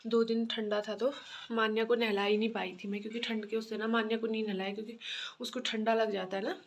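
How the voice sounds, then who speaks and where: A young woman with a slightly high voice vlogs her day at home. She talks to her viewers casually and calls them guys, walking them through her chores as she goes. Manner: chatty, running commentary on her chores. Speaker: home vlogger and mother. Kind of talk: casual vlog chat.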